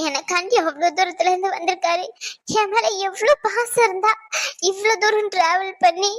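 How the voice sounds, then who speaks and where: A woman voicing a sobbing, heartbroken young cartoon wife. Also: very high voice. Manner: sobbing, pleading confession. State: crying. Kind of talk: cartoon voice acting.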